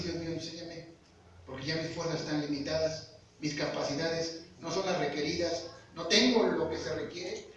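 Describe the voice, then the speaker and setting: A lay preacher with a fairly high-pitched voice delivers a sermon, earnestly putting questions to the congregation. The audio is dull, captured in an echoey hall by a distant mic with background noise.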